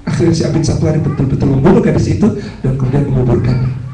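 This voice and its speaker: A man preaching a Ramadan sermon, telling a story in a lively way, recorded live in an embassy hall. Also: fairly high pitch, very fast, loud music behind the voice. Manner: lively storyteller, acts out characters. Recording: echoey hall, distant mic, noisy.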